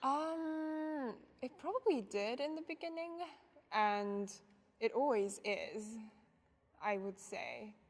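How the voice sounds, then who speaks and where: A woman's voice: on the high side, animated, slow pace. A young woman from Japan, a violinist, giving thoughtful interview answers with light laughs.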